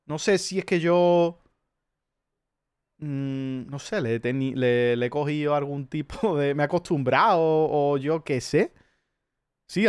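Male Spanish streamer, slightly high voice, loose profane storytelling chat. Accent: Spanish from Spain. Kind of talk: casual chat.

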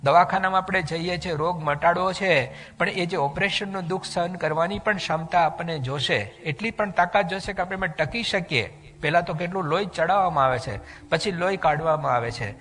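A religious speaker gives a devotional sermon in a lively storytelling style, mixing in English phrases. His slightly high voice is bright, forceful and brisk, with a long hall reverb trailing every phrase.

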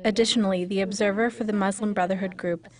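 A woman's voice: mid-range voice, fairly even intonation, fast, a little mellow. A woman reading a scripted news report as a voice-over.

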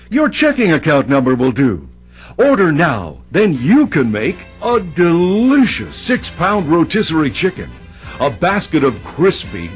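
A man announcing a scripted sales offer like a home shopping host, listing items emphatically. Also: on the high side. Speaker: infomercial announcer. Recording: music bed behind voice. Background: music.

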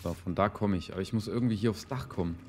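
A man's voice: fairly low pitch, racing, a little mellow. A man giving casual gaming commentary as he plays, rambling in slangy, sweary language. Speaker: let's player. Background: game music.

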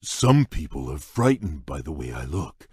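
An actor playing a shy, gentle male beast prince in a game, talking in a halting, bashful way with a husky, rumbling voice. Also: very animated, dry recording, studio quality, exaggerated voice. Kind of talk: game voice clips.

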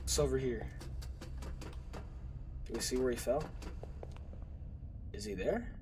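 A man's voice: mid-range voice, lively intonation, slow. A young man hosting a horror game let's play, chatting casually, swearing and getting scared. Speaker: gaming channel host. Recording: game music playing under the voice.

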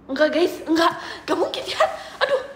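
A woman's voice: extremely high pitch, very animated, normal speed, reverberant, a little hiss or hum. A young woman with an Indonesian accent hosting an idol livestream, chatting casually, giggly and singsong, often laughing.

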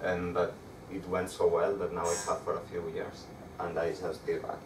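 A young adult man with a Spanish accent and a low, flat voice presents a conference-style technical talk with slides to a meetup group. Frequent stumbles and restarts make his delivery halting. The dark room has a projector screen, and the far camera picks up echo, distance and background noise.

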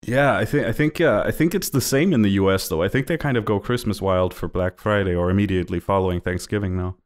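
A young Danish man co-hosts a casual podcast chat, jokey and talkative with rambling asides. His voice is fairly low in pitch and quick.

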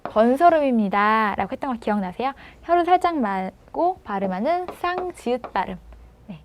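A woman teaching pronunciation in a video lesson, patiently prompting and sounding words out slowly. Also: a little high, very animated, a little mellow, a little hiss or hum. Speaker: language teacher.

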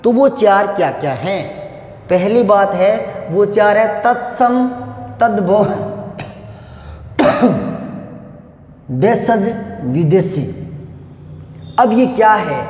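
Slow high-voiced man teaching Hindi grammar. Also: animated, a little mellow. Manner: slow, patient, repeats and asks rhetorical questions. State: unwell with a cough. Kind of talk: explanatory classroom lesson. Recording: echoey room with long reverb.

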